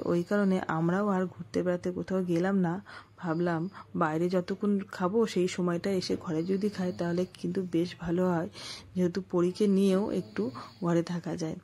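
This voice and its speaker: Husky-voiced woman chatting in a home vlog. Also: on the low side, a little mellow. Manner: rambling, chatty, talks straight to viewers. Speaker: family vlogger. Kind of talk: casual home vlog chat.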